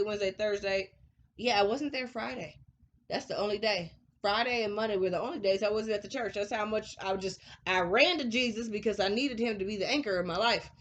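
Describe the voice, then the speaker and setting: A woman's voice: mid-range voice, a little hiss or hum. A woman in her thirties hosting a personal vlog, telling her story frankly with frequent laughter and talk of faith. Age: 30s. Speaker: vlog host.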